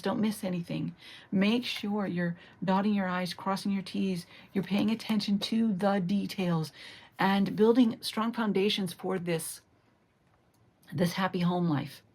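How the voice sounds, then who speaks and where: A woman giving a solo tarot reading, reflective and lingering over each card, sometimes slipping into a breathy whisper. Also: medium pitch, normal speed, darkish tone. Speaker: tarot reader.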